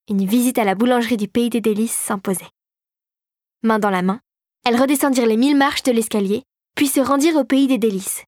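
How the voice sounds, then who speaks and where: A woman reads a children's storybook aloud in a clear, steady way. Her voice sits somewhat high. The recording is close and very dry. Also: no room sound. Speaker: narrator. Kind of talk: storybook narration.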